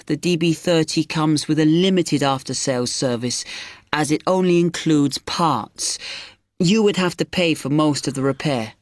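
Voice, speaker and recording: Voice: mid-range voice, no echo, natural voice. Helpful electronics shop assistant, scripted role-play, voiced by an actor, explanatory delivery, very dry close sound.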